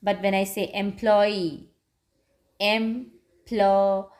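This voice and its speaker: A woman teacher giving a patient grammar lesson to children, repeating words slowly and clearly. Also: mid-range voice, lively intonation, a little mellow. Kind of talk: slow classroom grammar lesson.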